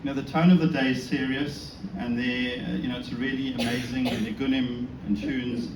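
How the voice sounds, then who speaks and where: Here a man from South Africa addresses an audience indoors at a synagogue in an informal religious talk, his mid-range voice moving little in pitch at a moderate pace. He jokes at his own expense, chats conversationally, and poses rhetorical questions often. Echo, a faraway microphone, and a noisy background mark the audio.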